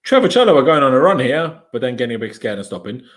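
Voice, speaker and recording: Very animated and quick, this mid-range male voice belongs to a young Austrian fan streamer whose first language is German. He chats through a football match live, offering opinions and reading out what viewers write.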